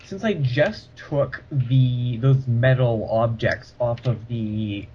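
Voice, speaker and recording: A man's voice: medium pitch, slow pace, muffled recording, slight background noise. A man playing a tabletop game, hesitantly asking rules questions. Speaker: player. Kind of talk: casual tabletop play.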